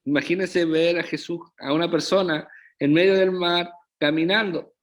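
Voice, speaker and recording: A man with a fairly high, fairly evenly intoned voice preaches a sermon as a pastor. His delivery is slow and deliberate. He often checks in with the congregation through rhetorical questions.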